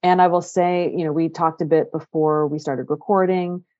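A woman's voice: low-pitched, fairly even intonation, moderate pace, mellow, dry recording, highs cut off. A woman hosting a podcast interview, introducing her guest in a friendly, upbeat way. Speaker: podcast host.

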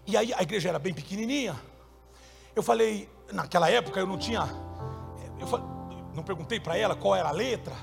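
A male pastor preaching a sermon, moving between loud shouted passages and quiet, soft storytelling. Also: high-pitched, animated, fast talker, gravelly, pauses often, faint music behind.

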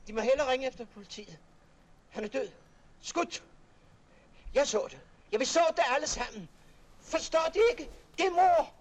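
A woman's voice: high-pitched, animated, long pauses. A woman acting an agitated Danish female witness in an old film. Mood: agitated, urgent.

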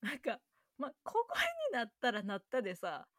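A woman's voice: fairly high pitch, moderate pace, no echo, studio quality. Kansai-accented young woman telling a story. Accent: Kansai Japanese. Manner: animated storytelling, acting out quotes. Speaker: podcast co-host. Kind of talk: casual chat.

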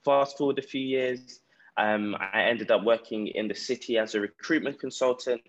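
A man's voice: mid-range voice, moderate pace, dull audio. A man with a South London accent telling his own story conversationally as an interview guest. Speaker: podcast guest, entrepreneur. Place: remote call from Ghana.

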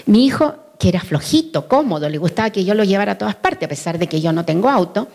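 A woman's voice: mid-range voice, animated, fast, vocal fry, a little mellow. An older woman giving a talk on early childhood education to an audience, often asking them questions and acting out the voices she quotes.

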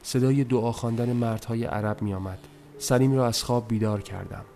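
A man reading a story aloud in a soft, measured, somber voice, as scripted narration. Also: medium pitch, fairly even intonation, gravelly. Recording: noisy recording.

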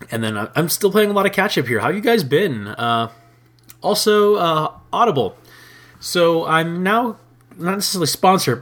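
A man hosting a casual solo podcast, hoarse-voiced, rambling with many fillers and restarts. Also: medium pitch, fairly bright tone. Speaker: podcast host.

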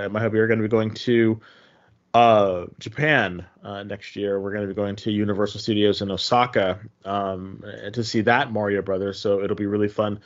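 A man co-hosting a podcast, chatting casually and haltingly, often repeating his phrases. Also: on the low side, dull audio. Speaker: podcast co-host. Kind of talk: casual chat about games and trips.

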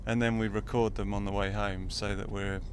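A man's voice: fairly low pitch, level tone, moderate pace, slight background noise. A man hosting a casual podcast from inside a car, steering the chat in a wry tone and quoting listeners. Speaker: podcast host and editor.

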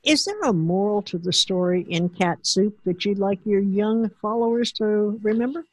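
A woman's voice: medium pitch, moderate pace, no echo. Upbeat woman interview host. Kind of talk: friendly interview hosting.

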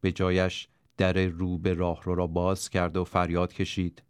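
A man narrates a first-person story in a measured, steady reading. His voice sits very low. The sound is dry and close, with no room around it. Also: clean tone, no room sound. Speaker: audiobook narrator.

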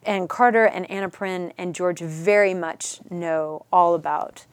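A middle-aged woman telling a personal story as a podcast guest, earnest and halting, sometimes dropping to a near whisper. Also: lowish voice, steady tone, clean tone.

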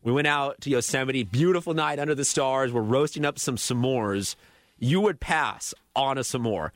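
A man in his twenties co-hosting a casual sports radio show from a studio, teasing the others and breaking into excited high-pitched yelps. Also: normal speed. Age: 20s. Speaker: radio co-host. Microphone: studio microphone.

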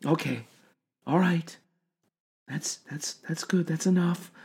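A man doing a flat-voiced asylum doctor. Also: sits high, slightly rough, voice pushed up, heavily acted. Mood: hushed. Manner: flat, measured, soothing. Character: composed female asylum doctor, clinical.

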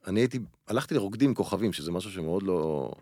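Low-voiced man telling stories, dry sound. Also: dry recording. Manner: animated storyteller, repeats words while thinking. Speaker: guest, TV game show host. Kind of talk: casual podcast conversation.

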